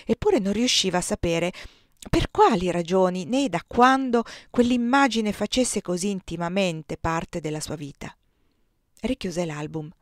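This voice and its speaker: A woman reading a novel aloud as narrator in a measured, expressive way. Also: lowish voice, dry recording, studio quality. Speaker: audiobook reader. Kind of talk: scripted narration.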